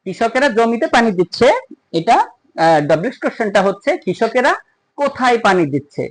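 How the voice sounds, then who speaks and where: Teacher, grammar lesson, mid-pitched voice, step-by-step, slow on examples. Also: lively intonation, low-quality recording. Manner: explains step by step and asks the listener questions; slows down to stress English example sentences. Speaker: English teacher.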